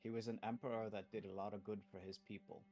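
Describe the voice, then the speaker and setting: A man improvising in character in a tabletop role-playing game, speaking in a halting, deliberate way and swearing casually. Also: lowish voice, flat delivery, mellow, dull audio, soft background music.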